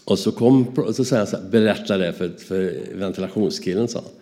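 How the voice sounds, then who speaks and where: Low, mellow Swedish man telling stories. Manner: animated, acts out dialogue in his stories. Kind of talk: anecdotal storytelling.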